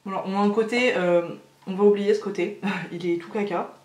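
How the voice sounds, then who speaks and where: A woman's voice: mid-range voice, fairly even intonation, a little fast, a little mellow, reverberant. Chatty woman gushing over makeup. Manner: chatty and gushing, many fillers. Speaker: beauty vlogger. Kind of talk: casual makeup tutorial chat.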